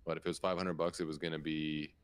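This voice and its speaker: A man's voice: very deep voice, little pitch movement, fast talker, clear, resonant tone. A man co-hosting a casual talk show, chatting loosely and reading news items aloud with stumbles and asides. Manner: casual, laughs, swears, reads news with stumbles. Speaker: podcast co-host.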